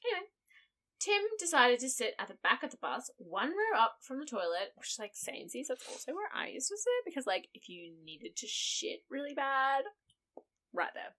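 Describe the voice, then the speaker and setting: Bright, high-voiced woman, irreverent true-crime host. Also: big pitch swings, moderate pace. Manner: irreverent, sweary, self-deprecating. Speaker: podcast host. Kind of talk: casual true-crime storytelling chat from notes.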